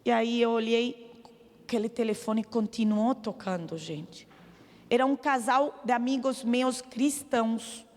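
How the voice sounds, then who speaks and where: A woman's voice: on the high side, a little slow, darkish tone. Woman giving a church testimony in a reverberant hall. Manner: emotional storytelling, acts out dialogue; preaching appeal to the audience.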